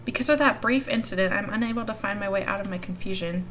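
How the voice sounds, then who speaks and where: Reading a visual novel aloud for her YouTube gaming channel, a woman narrates with lots of expression at a quick pace. Her voice is mid-range and fairly bright, with a little hiss or hum underneath.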